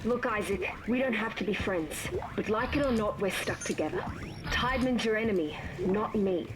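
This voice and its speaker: A woman's voice: mid-range voice, normal speed, background noise. An actress voicing a curt, businesslike woman who guides the hero over a radio link that is being jammed. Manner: terse and businesslike. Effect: radio transmission, signal getting jammed. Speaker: radio contact in a video game.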